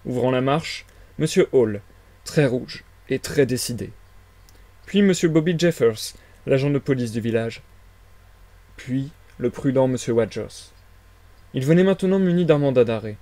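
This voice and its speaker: A man reading a classic novel aloud on a live stream, in a steady storytelling delivery. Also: mid-range voice, a little slow, pauses often, dry recording. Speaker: reader.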